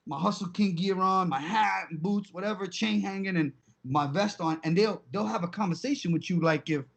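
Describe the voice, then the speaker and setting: A man's voice: high-pitched, moderate pace, creaky. A man from Brooklyn, co-hosting a casual podcast chat and telling stories with many restarts. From Brooklyn, New York. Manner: animated storyteller, many restarts. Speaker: co-host.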